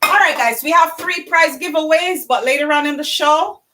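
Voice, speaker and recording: Lady hosting a live cooking stream, high voice, chats away to her viewers. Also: moderate pace, pushed and bright, poor audio. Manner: chatty, effusive, talks to viewers. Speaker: cooking show host.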